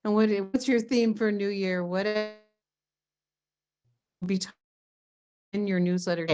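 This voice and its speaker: A woman co-hosting a group video call, her voice breaking up and dropping words over a bad internet connection, speaking haltingly. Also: mid-range voice, fairly even intonation, warm tone, faint music behind. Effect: voice cutting in and out over a bad internet call. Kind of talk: casual chat.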